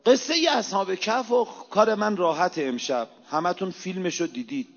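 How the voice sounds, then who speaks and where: A man preaching an impassioned sermon, swinging between hushed low asides and loud, rising exhortations. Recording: reverberant hall, dull lo-fi sound.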